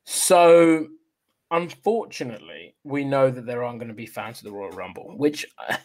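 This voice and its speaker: A man hosting a wrestling news show in a casual, chatty style, often halting and restarting his sentences. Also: mid-range voice, a little mellow.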